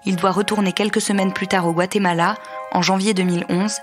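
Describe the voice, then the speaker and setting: A woman doing scripted narration for a news podcast, measured and even. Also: medium pitch. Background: music.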